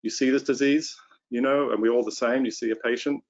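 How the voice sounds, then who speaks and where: A man with a British accent, a scientist guest, answering questions in a relaxed, anecdotal way. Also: mid-range voice, fairly quick, dull audio. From England. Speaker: stem cell scientist guest. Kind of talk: conversational interview answer.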